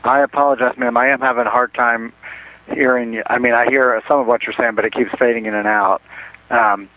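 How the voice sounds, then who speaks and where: A man's voice: medium pitch, fairly even intonation, a little fast, no room sound. A man working a ministry order line, heard over a phone line, polite, patient and apologetic with a caller. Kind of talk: customer service phone call. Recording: tinny, dry phone line.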